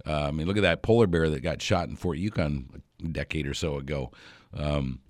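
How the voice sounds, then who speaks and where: Man, radio host, very low voice, rambling, chuckling, dry studio sound. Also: fairly quick, no echo. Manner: rambling, chuckling, many fillers and restarts. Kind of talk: casual storytelling on radio.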